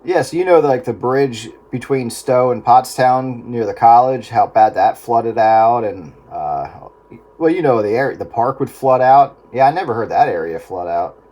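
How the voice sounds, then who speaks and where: Over a very noisy two-way radio transmission, a middle-aged American man with a mid-range voice chats casually and folksily at a normal pace, his intonation lively. He's an amateur radio operator taking part in a round-table conversation during an on-air radio contact.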